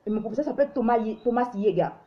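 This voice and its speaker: A woman's voice: a little high, expressive, very fast, lo-fi sound. A woman from Africa hosting a live show, giving opinionated commentary in an emphatic, preachy way that often stumbles and restarts.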